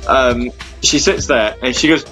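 A man's voice: mid-range voice, measured pace, over music. A man in his thirties hosting an internet radio show, rambling chattily with lots of ums and restarts. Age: 30s. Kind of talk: casual chat.

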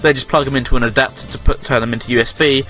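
A man's voice: medium pitch, fairly even intonation, rapid-fire, sharp tone, faint music behind. A man hosting a radio show, chatting casually through a news roundup, rambling, correcting himself and joking sarcastically.

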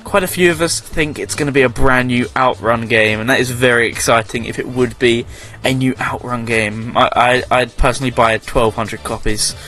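Man, radio host, casual news chat, rambling, sarcastic asides, bright tense voice, faint background music. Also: medium pitch, fairly even intonation, moderate pace, hardly any pauses. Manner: rambling, self-correcting, joking sarcasm.

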